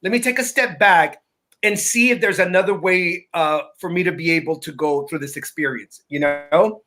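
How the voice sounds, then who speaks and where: A man's voice: high-pitched, normal speed. A man speaking as a guest in a conversational talk, earnest and emphatic, often repeating words as he starts a sentence.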